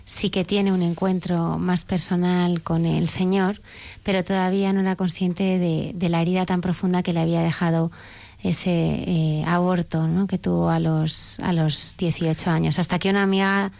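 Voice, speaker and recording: Gravelly, flat-voiced woman interviewer. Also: fairly low pitch. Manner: measured, recaps the guest's story with small restarts. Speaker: interviewer and show host. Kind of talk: interview recap.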